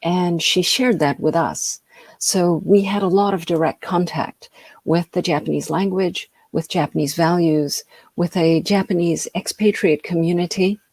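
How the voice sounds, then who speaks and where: In a loose video-call lecture, a middle-aged American guest speaker hesitates with frequent ums and uhs. She speaks a little slowly in a low, steady, darkish voice, recorded dry.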